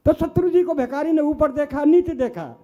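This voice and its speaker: A man's voice: very high-pitched, moderate pace, mellow, highs cut off. An older man, a comic poet telling self-mocking village stories on stage. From Rajasthan.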